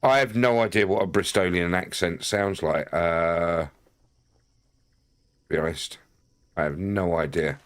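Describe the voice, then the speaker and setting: A man's voice: low voice, unhurried, long pauses. A man from the London area, streaming a game and joking with viewers, laughing often. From London area, England. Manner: jokey, laughs often, trying out regional accents for chat. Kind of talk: casual gameplay commentary, chatting with viewers. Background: faint game music.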